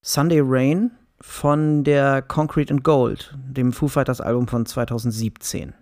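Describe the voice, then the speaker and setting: A man speaks as a podcast guest, in a casual conversational way. His voice has an average pitch. The recording is dry and close. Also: fairly even intonation, unhurried, a little mellow, dry recording. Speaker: podcast guest, writer and musician.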